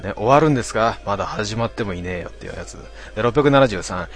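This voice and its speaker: A man hosting a casual late-night stream, reading out listener comments with grumbling asides and frequent throat clearing. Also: on the low side, expressive, quick pace, faint music behind. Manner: grumbling, talks to himself, mock-annoyed asides.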